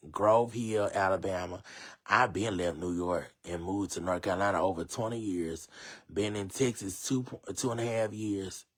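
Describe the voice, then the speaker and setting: A man casually reading viewer comments aloud on a live stream, chatty and slangy, reacting loudly and laughing. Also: lowish voice.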